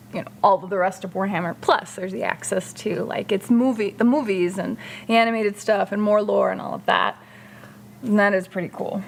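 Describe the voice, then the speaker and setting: A woman's voice: mid-range voice, creaky, a little hiss or hum. A woman hosting a casual livestream chat, reading out and answering viewer comments. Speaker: streamer hosting a hobby chat.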